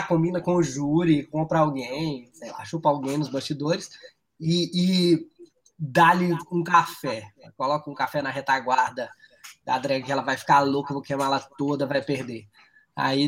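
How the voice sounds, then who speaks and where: A man's voice: on the high side, fairly bright tone. Guy hosting a comedy chat, jokey and playful, does little voices in his jokes. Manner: playful joke-telling with acted voices. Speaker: comedy podcast host.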